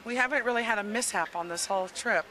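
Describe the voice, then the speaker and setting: A woman's voice: mid-range voice, quick pace, bright, forceful tone. A woman in her fifties from the United States, answering an outdoor street interview into a handheld mic, rambling and thoughtful, searching for words. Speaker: interviewee, traveler on the bus. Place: outdoors at a busy public event. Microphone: handheld mic held by interviewer. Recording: crowd noise behind.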